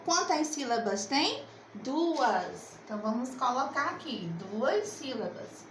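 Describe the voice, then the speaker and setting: Lady teacher, high voice, slow and coaxing, echoey room. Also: sing-song, a little hiss or hum. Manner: slow, coaxing, asks and answers her own questions. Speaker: primary school teacher. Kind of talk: remote literacy lesson.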